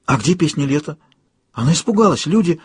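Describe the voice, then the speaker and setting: A man reading an audiobook, voicing a terrified young woman who wakes in a strange body and pleads in high, panicked cries. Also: expressive, brisk, breathy edge, dry recording. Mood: anxious.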